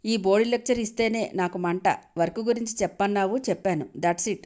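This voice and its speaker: A woman's voice: medium pitch, brisk, a little mellow, lightly acted. Woman voicing brash cocky young man. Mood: cocky teasing.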